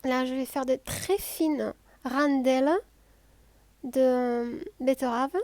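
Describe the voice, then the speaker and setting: Woman, southern French accent, high voice, dry close sound, unhurried cooking demo. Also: no echo. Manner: calm, step-by-step, with hesitations. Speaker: home cook. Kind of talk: cooking tutorial.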